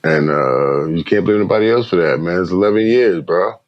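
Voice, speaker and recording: Laid-back male podcast host with a deep voice and slangy delivery; slightly muffled recording. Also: a little fast. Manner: laid-back, slangy, says "bro" and "man" often. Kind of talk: casual reaction chat.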